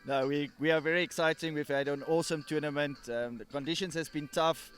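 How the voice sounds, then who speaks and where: Earnest tournament director. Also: male voice, a little high, steady tone, brisk, a bit bright. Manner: earnest, restarts and repeats words. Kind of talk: interview answers. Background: faint music.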